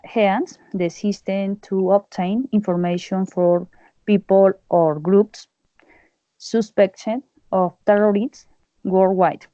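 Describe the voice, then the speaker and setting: A woman in her twenties, a Spanish speaker and English student, speaking careful, halting English on a video call. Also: mid-range voice, dark tone, dry recording. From Colombia. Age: 20s. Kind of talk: introduction and answer in class discussion. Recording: muffled video call audio.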